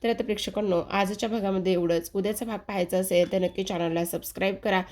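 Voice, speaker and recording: A woman's voice: mid-range voice, fairly even intonation, fast talker, a little mellow. A woman narrating a casual recap of a TV serial episode, retelling the scenes in a running present tense and speaking straight to her viewers.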